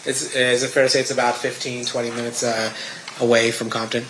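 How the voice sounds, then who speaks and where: An American man examining a witness as a lawyer, putting questions in a halting, deliberate way. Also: mid-range voice, flat delivery. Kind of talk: courtroom examination. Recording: echoey room with background noise.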